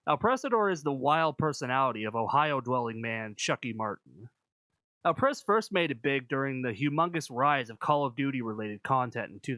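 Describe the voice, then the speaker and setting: A man reading scripted video essay narration in a measured, explanatory manner. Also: mid-range voice, bright, forceful tone, no echo, low-quality recording.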